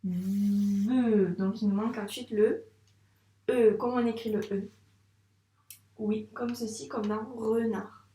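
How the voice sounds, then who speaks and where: Slow, patient French teacher woman. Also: on the high side, little pitch movement, dark tone. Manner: slow, patient, sounds out syllables. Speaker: first-grade teacher. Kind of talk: dictation lesson for a child. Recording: echoey room sound.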